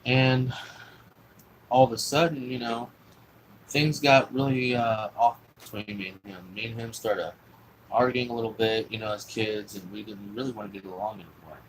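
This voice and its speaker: A man's voice: on the low side, fairly even intonation, normal speed, a little hiss or hum, low-quality recording. A young man telling a long personal story in a rambling, profane, casual way. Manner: rambling, profane, full of fillers and restarts.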